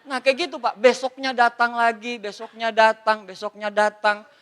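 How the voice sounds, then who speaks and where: High, bright-voiced animated male storyteller. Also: moderate pace, clean tone. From Indonesia. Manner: animated, acts out quotes, exclaims to audience. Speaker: motivational speaker. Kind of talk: comic storytelling to a seminar audience.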